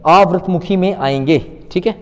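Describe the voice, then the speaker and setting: A man teaching an exam-prep class, repeating sounds aloud and asking quick rhetorical questions. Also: high-pitched, long reverb tail. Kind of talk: online exam-prep lecture.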